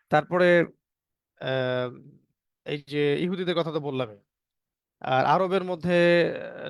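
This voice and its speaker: A man's voice: on the high side, no room sound, clean studio sound. Man giving a hesitant, unscripted religious lecture. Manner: unhurried, pauses with fillers, repeats phrases; recites Arabic verses. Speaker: teacher. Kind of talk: book-based religious lecture.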